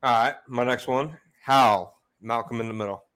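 A man's voice: medium pitch, moderate pace, a bit bright, clean tone, low-quality recording. A man co-hosting a sports podcast, chatting casually and laughing as he retells favorite TV scenes. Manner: laughs often while retelling funny scenes. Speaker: podcast co-host. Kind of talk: casual chat.

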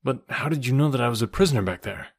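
A man's voice: medium pitch, expressive, quick pace, husky, no echo. Bold jungle ape-man hero, firm and earnest, read by a male narrator in a dry storybook voice.

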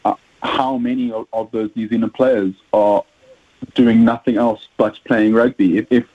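His voice is on the low side, delivered flatly at normal speed. The speaker is a South African rugby journalist being interviewed by phone on a tinny line, who often hesitates and repeats himself.

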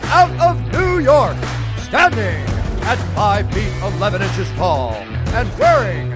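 A man performing as a grand boxing ring announcer, hyping a fighter with booming, drawn-out phrasing over music. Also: sing-song, exaggerated voice. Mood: bombastic hype. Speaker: ring announcer introducing the host. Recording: music behind the voice.

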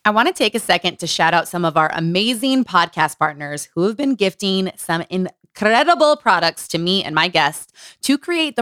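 A woman hosting a podcast, recapping a memoir in lively casual chat, laughing, swearing and acting out quotes. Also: mid-range voice, dry recording, clean studio sound. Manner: animated, laughing, swearing, quotes with dramatic flair. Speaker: podcast host.

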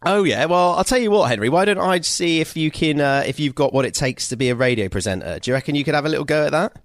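A man's voice: on the high side, expressive, fast, dry recording, studio quality. A man, a radio presenter, chatting playfully with giggles and stumbling restarts. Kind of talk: casual chat.

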